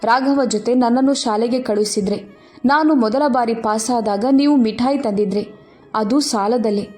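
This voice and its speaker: A woman voicing a solemn male judge who speaks in a grave, measured way. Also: fairly high pitch, a little mellow, faint music behind, natural voice. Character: grown man, a solemn judge.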